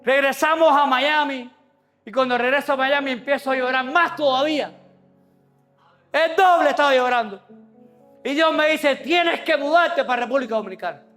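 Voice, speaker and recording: A male pastor delivering an impassioned sermon in a church, building to shouted peaks. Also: extremely high pitch, moderate pace, faint music behind.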